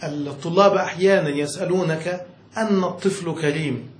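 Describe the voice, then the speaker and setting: A man's voice: a little high, a little fast. Male grammar teacher in an echoey room. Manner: checks understanding with frequent questions; reads passages aloud then explains them. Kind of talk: explaining a grammar text to a student. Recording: echoey room with faint noise.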